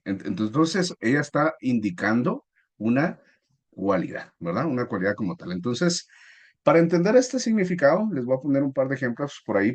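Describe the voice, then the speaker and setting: A male teacher walks his students through a lesson with a husky, slightly breathy voice. His pitch rises and falls in a lively, animated way as he patiently explains and tosses questions to the class.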